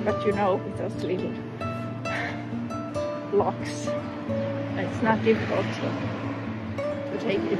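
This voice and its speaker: A middle-aged woman casually narrating her sailing vlog aboard a boat, relaxed and chatty, with frequent restarts and fillers. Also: mid-range voice, low-quality recording. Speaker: sailing vlogger. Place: on a sailboat at sea. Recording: music playing under the voice.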